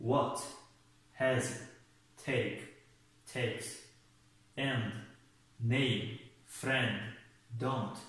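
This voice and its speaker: A man teaching English vocabulary, speaking slowly and repeating each example word. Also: medium pitch. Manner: slow, repeats words and spells out English examples. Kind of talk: classroom-style language lesson. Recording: echoey room, far from mic, faint hiss.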